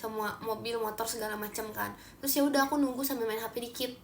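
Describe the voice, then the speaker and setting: A young Indonesian woman with a high, bright voice chats casually on a livestream, reacting to viewer comments with giggles and quick asides. She sounds close to a phone mic, with faint room noise behind her. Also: fairly even intonation. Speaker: idol livestream host.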